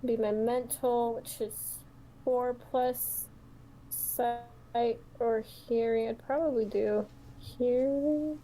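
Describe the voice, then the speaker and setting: A woman tabletop player with a slightly high voice talks at an unhurried pace. She describes her character's actions in detail and giggles often. Soft room noise underneath. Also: fairly even intonation, rough recording. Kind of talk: casual tabletop play.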